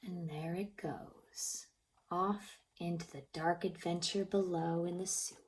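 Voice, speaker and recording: Reading a picture book aloud to young children, this childcare teacher has a lowish voice and an unhurried pace. She's expressive and warmly encouraging, drawing the kids in with questions and frequently slipping into a near-whisper, all over a noisy background.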